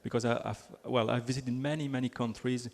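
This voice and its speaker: A gravelly, slightly mellow voice of medium pitch carries a steady tone at a slightly fast clip. It belongs to a Belgian man with a French accent giving a chatty, self-deprecating technical talk, full of fillers and restarts, in a large conference hall with long reverb.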